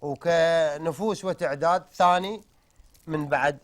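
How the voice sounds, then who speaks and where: A man's voice: on the high side, unhurried. A man from the southern Iraqi desert with a Bedouin Arabic accent, talking as a guest in a conversational interview. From southern Iraqi desert around Samawah. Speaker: guest, tribesman and amateur Nabati poet.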